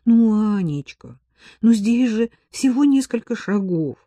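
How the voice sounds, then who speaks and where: A woman's voice: lowish voice, sing-song, a little slow, mellow, breathy edge, no room sound, full character voice. A woman voicing an impulsive, wealthy young woman who pleads and coaxes, then turns defiant, in an audiobook. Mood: pleading. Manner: pleading and coaxing, flares up defiantly.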